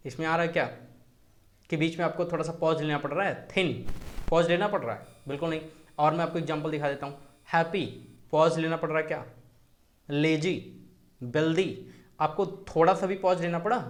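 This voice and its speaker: Male grammar teacher with a Hindi accent and a slightly raised pitch, patient and repetitive with examples. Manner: repeats example words slowly several times. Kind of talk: classroom-style grammar lesson.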